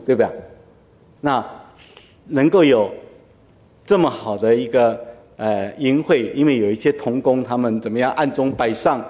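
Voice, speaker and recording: A man's voice: medium pitch, dark tone. A male pastor giving a sermon in a conversational teaching manner, often asking his listeners rhetorical questions. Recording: long hall reverb.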